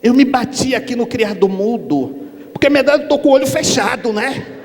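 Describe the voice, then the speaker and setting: A man's voice: very high voice, normal speed, a little mellow, pitched above the performer's own voice. A man quoting a frightened woman friend who pleads in a flustered way. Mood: pleading. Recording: reverberant hall, faint background noise.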